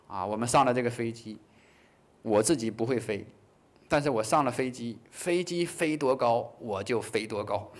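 A man teaching a Buddhist class in a lively way, acting out short dialogues, chuckling, and slowing down on key phrases. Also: mid-range voice. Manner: slows down to stress key phrases. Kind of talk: dharma lecture.

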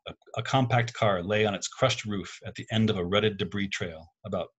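A man reading his own prize-winning literary short story aloud in a measured, steady way. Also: fairly low pitch, breathy edge.

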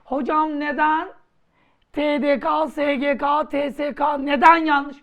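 A woman's voice: sits high, level tone, takes it slowly, dull audio, voice pushed up. A woman voicing a confused, eager young student who asks naive questions in a grammar lesson. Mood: puzzled.

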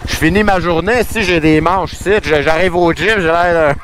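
A man's voice: a little high, fairly even intonation, normal speed. A man with a Quebec French accent, chatting casually and upbeat while riding a motorcycle outdoors. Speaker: motovlogger. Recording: loud wind and engine noise.

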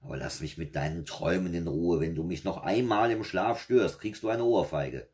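A man reading aloud and voicing the devil in a fairy tale, a gruff, short-tempered male with a slow, mocking drawl. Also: rumbling low, fairly even intonation, a little mellow.

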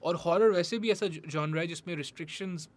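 Chatty higher-voiced host. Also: male voice, a little fast. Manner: chatty interviewer, switches freely into English. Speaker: podcast host. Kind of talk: casual podcast interview.

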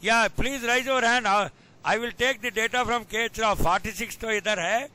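High-pitched, fast Indian male lecturer. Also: bright, forceful tone. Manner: questioning, prodding the audience, repeating key phrases. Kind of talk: informal online lecture mixing English and Hindi. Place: indoors, on a video call. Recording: rumbly background noise on online call.

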